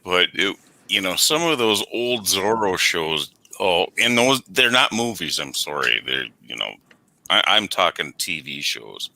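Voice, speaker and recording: A man's voice: low voice, big pitch swings, unhurried, creaky, sharp tone, no room sound. A man with a lisp chatting casually on a talk show, rambling and often correcting himself. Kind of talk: casual chat.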